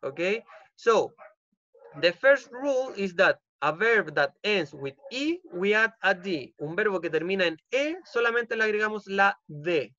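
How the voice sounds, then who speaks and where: A man's voice: sits high, expressive, unhurried, bright, forceful tone, no room sound, dull audio. A male English teacher with a Chilean accent, giving an online class and repeating each rule in Spanish with frequent "ok?" checks. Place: home. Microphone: computer mic on a video call.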